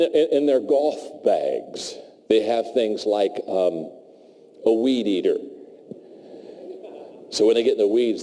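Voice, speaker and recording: A man's voice: on the low side, mellow, slight background noise. A man giving a humorous motivational talk to a live audience, telling golf stories and laughing at his own jokes. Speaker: motivational speaker. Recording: long hall reverb.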